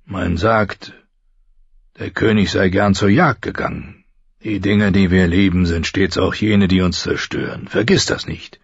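A man growling as a gruff old commander. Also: low-pitched, fairly even intonation, a little slow, no echo, dull audio, heavily acted. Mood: grave. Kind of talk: audiobook reading.

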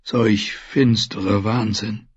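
A frail old maester near death, his voice a faint, breathy half-whisper that sits a little above the reader's own, as a male narrator puts him on. He speaks slowly and gently through the pain, with a husky, dull audiobook sound. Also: lowish voice, steady tone, no room sound. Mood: weak, grave. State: in pain, dying. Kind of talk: audiobook character voice.

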